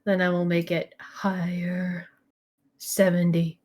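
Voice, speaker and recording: A woman's voice: fairly low pitch, monotone, slow pace, darkish tone. A woman co-streamer chatting casually and practically while playing a game.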